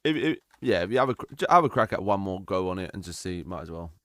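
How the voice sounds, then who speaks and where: Low-voiced young man livestreaming. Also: animated, quick pace, a bit bright, no room sound, clean studio sound. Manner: easygoing, chatty, talks to viewers by name. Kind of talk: casual live-stream chat.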